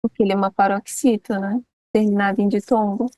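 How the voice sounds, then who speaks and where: A woman's voice: mid-range voice, little pitch movement, quick pace, mellow, no room sound. A woman, a student on a video call, asking questions and giving short replies to her tutor. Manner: brief replies and acknowledgements.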